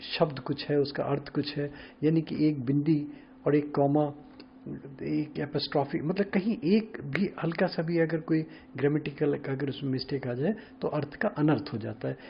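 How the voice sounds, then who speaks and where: Guy explaining stuff to camera, kinda high voice, keeps saying hai na, dull lo-fi sound. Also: steady tone, normal speed, gravelly, a little hiss or hum. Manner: reflective, explaining with rhetorical questions and frequent "है ना"; mixes English words into Hindi. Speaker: spiritual speaker.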